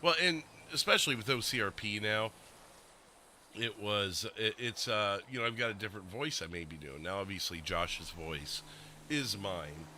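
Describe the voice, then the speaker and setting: A man's voice: on the low side, moderate pace, pushed and bright, slight background noise. A man hosting a livestream, chatting casually with viewers at a desk microphone in a rambling, self-deprecating way with lots of fillers. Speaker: livestream host. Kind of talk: casual chat with stream viewers.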